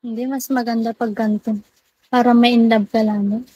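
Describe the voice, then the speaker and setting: A woman's voice: on the high side, flat delivery, brisk, a little mellow, breathy edge, rough recording. A Filipino woman live streamer with missing front teeth, chatting casually and playfully with her viewers. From Philippines. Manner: teasing, playful banter.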